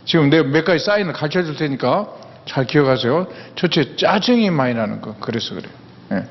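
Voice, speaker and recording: A man's voice: on the high side, lively intonation, fairly quick. Folksy male lecturer in a reverberant hall. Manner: folksy, plain-spoken, with frequent affirming "yes" fillers. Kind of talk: public lecture on mental health. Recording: dull lo-fi sound with long hall reverb.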